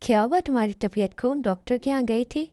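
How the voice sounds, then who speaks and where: A woman's voice: on the high side, a little fast, warm tone, no room sound, clean studio sound, close to an everyday voice. A woman voicing a bossy scolding sister. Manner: scolding, teasing. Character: bossy teasing younger sister, young woman. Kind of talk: Hindi fan dub.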